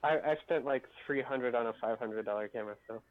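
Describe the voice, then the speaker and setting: This man speaks at a medium pitch and a little quickly, chatting loosely on a livestream while he explains things and shares his views. The audio has the thin quality of a phone call.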